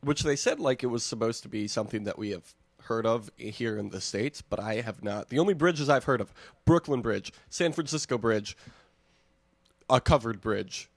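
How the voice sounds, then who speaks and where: A man's voice: mid-range voice, moderate pace, dry recording. A man from Michigan, co-hosting a casual chat and recapping a reality show with sarcastic jokes. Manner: joking, sarcastic, swears. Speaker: podcast co-host.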